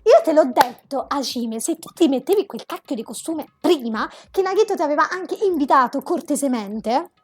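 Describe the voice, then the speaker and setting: A woman's voice: high-pitched, expressive, moderate pace, hardly any pauses. A woman commentating a video game, reading the dialogue aloud and ranting dramatically at the characters. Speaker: gameplay commentator.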